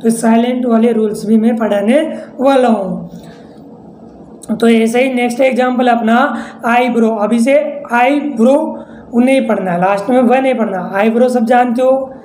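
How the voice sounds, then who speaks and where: Indian male teacher, mellow tone, quizzes students as he drills, echoey room with faint hiss. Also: very high voice, moderate pace. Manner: drills with repeated questions to students. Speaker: English teacher. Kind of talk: classroom-style pronunciation lesson.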